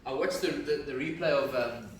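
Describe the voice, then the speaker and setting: A man rambling with cheek and enthusiasm about rugby, in a mid-pitched voice. The sound is very roomy, off the mic, with faint noise behind. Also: a little fast, far from the mic. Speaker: podcast co-host. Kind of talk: casual banter and match talk. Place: studio.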